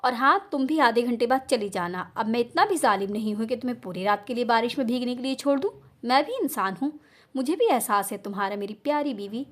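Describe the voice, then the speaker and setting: Woman doing a sneering, falsely tender husband, high voice, storybook reading. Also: expressive, brisk. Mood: mocking. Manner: taunting, falsely tender, flares into shouting. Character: cruel, mocking young husband who enjoys her pain.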